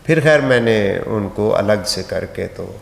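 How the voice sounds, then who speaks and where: A man's voice: on the low side, animated, gravelly, slight background noise. A man from Pakistan with a Pakistani accent, giving a religious training lecture on pilgrimage rites, instructive and mixed with light humorous stories. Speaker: Hajj trainer. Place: large mosque hall. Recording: echoey reverberant mosque hall.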